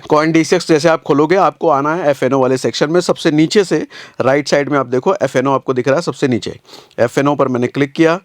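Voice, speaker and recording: A man walks viewers through a trading chart in a casual, repetitive tutorial voice. His voice sits high, and he calls his listeners "bhaiya". The recording is close and dry, with no room sound. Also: dry recording. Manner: casual, addresses viewers as bhaiya, repeats phrases.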